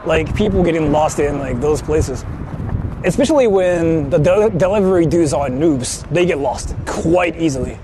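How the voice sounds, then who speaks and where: A Japanese man hosts a casual livestream while driving through a city, chatting to viewers in colloquial slang and explaining things. His fairly high voice moves at a moderate pace, and car and urban traffic noise come through clearly.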